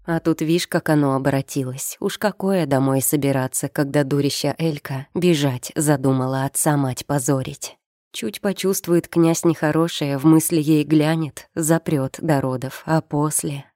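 A woman narrating an audiobook with measured, expressive storytelling. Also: sits low, no echo, clean studio sound. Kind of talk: scripted narration.

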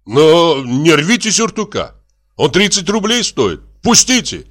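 A man's voice: on the high side, sing-song, unhurried, fairly bright tone, pitched above the performer's own voice, heavily acted. A man voicing an irritable country doctor who complains that he does not want to go.

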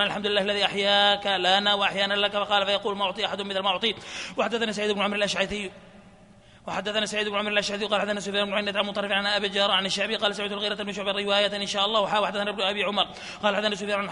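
A man reading hadith chains aloud at a study session, in a rapid, flat recital. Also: sits high. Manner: reads fast in a flat chant, laughs softly at times. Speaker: hadith reader. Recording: reverberant hall with faint noise.

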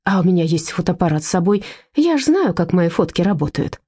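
A woman's voice: on the low side, sing-song, brisk, dark tone, slightly rough. A woman voicing a brash, cheeky woman who talks in a colloquial, teasing way.

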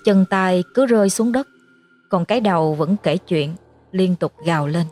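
A woman narrating a horror story in a measured storytelling manner. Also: fairly low pitch, animated, dark tone. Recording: faint music underneath.

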